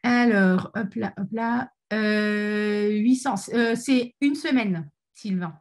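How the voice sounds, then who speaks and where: A woman's voice: medium pitch, slow pace. Hesitant woman giving a webinar talk. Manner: hesitant, many fillers and restarts. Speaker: webinar speaker on ad testing. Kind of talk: online training presentation.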